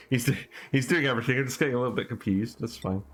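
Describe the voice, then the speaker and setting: A man with a medium-pitched voice talks fast while streaming a game, rambling casually and thinking out loud with fillers and small laughs. It's laid-back gameplay commentary with faint music in the background.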